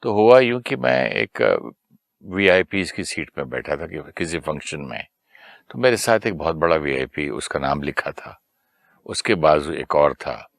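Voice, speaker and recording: Deep-voiced man telling a story. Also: very animated, a little slow, gravelly, dry recording, studio quality. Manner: anecdotal, mixes English phrases, acts out quoted dialogue. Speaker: guest sharing a personal story. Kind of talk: casual storytelling in conversation.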